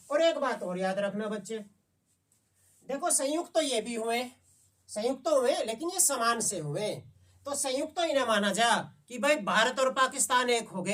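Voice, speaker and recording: A man's voice: extremely high pitch, a bit bright, recorded from a distance. A male Hindi teacher giving an exam-prep class, asking the students questions and answering them himself. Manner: coaxing, repeats "समझ गए बच्चे?".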